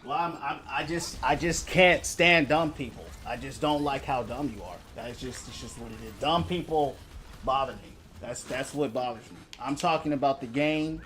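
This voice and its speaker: A man's voice: mid-range voice, moderate pace, fairly bright tone, slight background noise. A man streaming a game, ranting in a heated, repetitive, mocking way at a viewer in his chat. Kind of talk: ranting live stream commentary.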